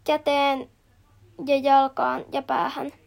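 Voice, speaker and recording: Nainen lukemassa ystävällinen karhulääkäri. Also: female voice, sits high, level tone, gravelly. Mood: calm. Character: kind male bear doctor.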